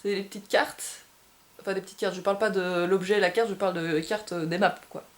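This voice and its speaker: A woman's voice: mid-range voice, fairly even intonation, a little fast. A woman casually unboxing and presenting a board game, thinking aloud and gushing with delight over small details. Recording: echoey room.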